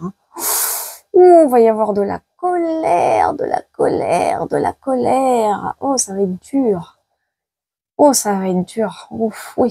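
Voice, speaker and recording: A woman's voice: medium pitch, vocal fry, dark tone, husky, no echo. A woman psychic giving dramatic predictions during a card-reading video, repeating her words with many exclamations and sounding worn out by the heat. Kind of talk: live tarot prediction video.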